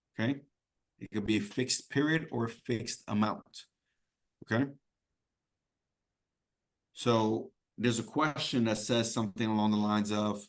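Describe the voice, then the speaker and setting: A man teaching an exam-prep class in a conversational way, often checking in with "right?" and "okay?" and repeating key points. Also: mid-range voice. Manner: repeats key points to drive them home. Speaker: instructor.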